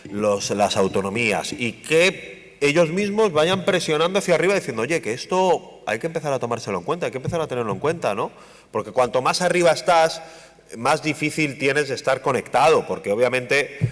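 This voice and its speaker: A man on a conference panel, talking in a rambling way with many restarts and tag questions. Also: mid-range voice. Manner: rambling, restarts often, tags with "¿no?". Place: conference hall. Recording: long hall reverb.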